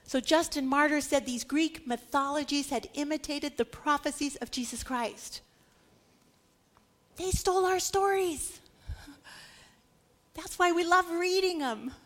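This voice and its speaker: A woman with a notably high, fairly bright voice gives a sermon that teaches Bible history, speaking a little slowly with long pauses. Like a preacher explaining scripture, she leans dramatically on key words and often poses rhetorical questions to her listeners.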